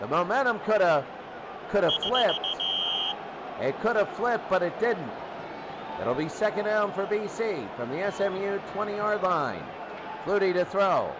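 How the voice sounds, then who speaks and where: Very animated yet measured in pace, a high-pitched man calls a football game live on the radio using short, clipped phrases. A roaring stadium crowd fills the background of this loud, noisy broadcast.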